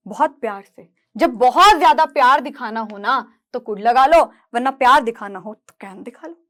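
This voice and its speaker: High-voiced woman teaching grammar. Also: lively intonation, moderate pace, a bit bright. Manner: explains step by step and asks checking questions. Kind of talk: grammar lesson.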